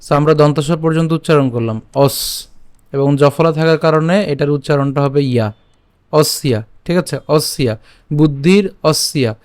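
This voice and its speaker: A man teaching how to pronounce a scripture verse, drilling it syllable by syllable and reciting it slowly. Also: fairly high pitch, darkish tone. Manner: slow syllable-by-syllable drilling of pronunciation; quick, brisk channel announcements. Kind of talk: online recitation tutorial.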